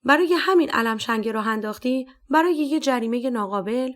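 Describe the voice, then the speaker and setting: A woman's voice: fairly high pitch, expressive, a bit bright. A woman voicing a stern, scornful male police captain who scolds harshly and talks down sarcastically.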